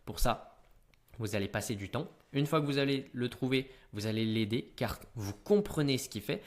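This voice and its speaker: A teenage man giving business advice straight to camera in an energetic, punchy way. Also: medium pitch, normal speed. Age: teens.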